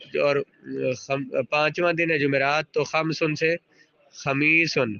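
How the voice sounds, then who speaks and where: A man teaches a grammar lesson, parsing each sentence step by step. His voice is fairly high and bright, with a flat, steady tone. He keeps quizzing students and patiently repeats their answers. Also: vocal fry, highs cut off.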